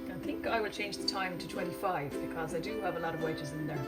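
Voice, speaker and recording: A woman's voice: on the low side, quick pace, loud music behind the voice, poor audio. A woman hosting a home cooking video, chatting casually and thinking aloud as she cooks in her kitchen. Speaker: home cooking channel host.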